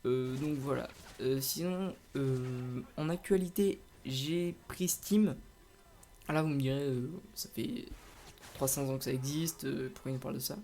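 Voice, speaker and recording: A man's voice: mid-range voice, unhurried, mellow. A young man chatting casually over his gameplay, rambling with lots of hesitations and restarts. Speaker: gaming channel host.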